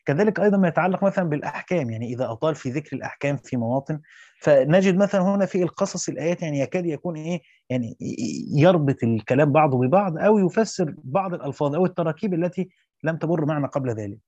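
Animated and slightly rough, a teacher speeds through classical Arabic in a Quran commentary before dropping into loose colloquial asides with restarts. His voice is dark and mellow but slightly high, and the recording is dry and somewhat dull, without any room sound.

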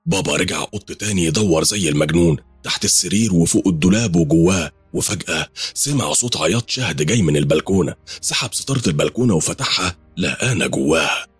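Deep husky Egyptian male narrator. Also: expressive, quick pace, dry recording, soft background music. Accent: Egyptian Arabic. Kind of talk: horror story narration.

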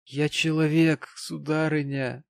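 A man voicing a tipsy, tearful, sanctimonious widowed gentleman, talking in a maudlin, slurred, pompous way in an audiobook. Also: on the high side, takes it slowly, no room sound, pitched above the performer's own voice.

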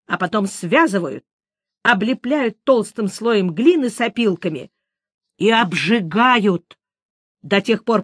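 A nervous middle-aged innkeeper frets in a plain rustic way, as a woman reading a storybook puts him on. He speaks slowly. The voice sounds dry and close to the mic. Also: medium pitch, no room sound, natural voice. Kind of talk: audiobook reading.

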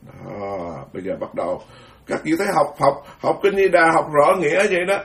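A man's voice: on the high side, big pitch swings, normal speed, vocal fry, a bit bright, distant mic. A male Buddhist monk gives a blunt, frank, scolding dharma talk and chants sutra verses.

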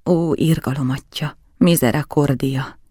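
A man's voice: a little high, steady tone, mellow, breathy edge, dry recording, studio quality. A man voicing a powerful margrave who is terrified and desperate, swinging from eager to frantic to whispered pleading in an audiobook. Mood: despairing. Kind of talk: audiobook character voice.

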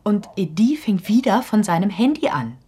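A woman's voice: mid-range voice, sing-song, moderate pace, dark tone, husky. An actress playing a blunt woman who retells events in slangy, indignant speech in a radio play. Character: blunt woman retelling her brother's story.

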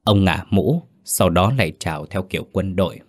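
A male storyteller reads a ghost story in a measured, somber way. His voice is very low and steady, with an even reading pace. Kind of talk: scripted ghost story narration.

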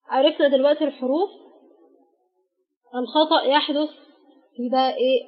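A woman's voice: high voice, fairly even intonation. Patient Egyptian woman teaching Arabic letters. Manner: patient, spells out letters one by one with pauses. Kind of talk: explaining a grammar lesson. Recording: dull lo-fi recording.

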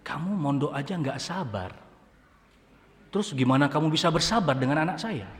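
A man's voice: a little high, lively intonation, normal speed. A man voicing a skeptical older father who questions a young suitor closely. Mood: questioning. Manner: probing, questioning. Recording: echoey hall, faint background noise.

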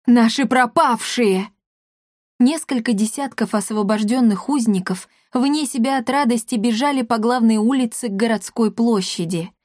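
Woman, audiobook narrator, measured and clear, fairly high voice, dry close sound. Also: a little mellow, no room sound. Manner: measured storytelling. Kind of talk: scripted narration.

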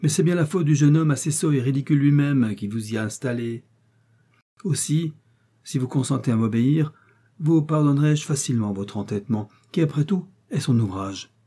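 Brief: haughty young heiress, curt and cold, mellow husky tone, read by a man. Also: medium pitch, normal speed, natural voice. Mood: imperious. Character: proud scheming young heiress.

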